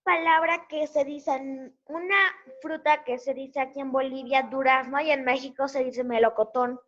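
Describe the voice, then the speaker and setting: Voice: sits high, steady tone, moderate pace, a bit bright. A child student answering the teacher in an online class over a video call. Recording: dull lo-fi call audio.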